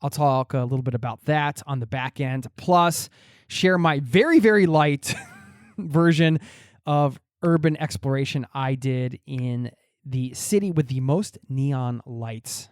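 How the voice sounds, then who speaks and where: A man's voice: medium pitch, a little slow, a little mellow, clean tone, no room sound, studio quality. A male podcast host speaking in an upbeat, friendly way as he introduces and interviews a guest. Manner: upbeat, friendly addresses to listeners.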